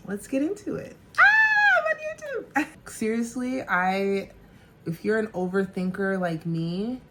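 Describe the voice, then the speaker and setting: A woman's voice: medium pitch, big pitch swings, measured pace, noisy background. A woman in her thirties from New Jersey, chatting casually and laughing often while doing her makeup at home. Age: 30s. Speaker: makeup artist and vlogger. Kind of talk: casual get-ready-with-me chat.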